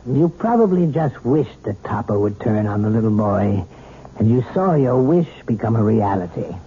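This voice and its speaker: Probing hypnotist doctor, tinny sound. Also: male voice, fairly low pitch, big pitch swings, dark tone, a little hiss or hum. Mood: explanatory, grave. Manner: coaxing, deliberate, questioning. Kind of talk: 1970s radio drama acting. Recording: tinny old radio broadcast with music.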